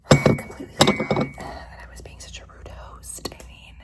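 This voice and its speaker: A woman whispering confidingly in a whispered role-play as a flirty, doting teacher, repeating herself in hesitant phrases. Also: recorded from a distance. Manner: whispering confidingly, as if sharing a secret. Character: flirty, doting female teacher with an overnight guest. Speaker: ASMR role-play performer.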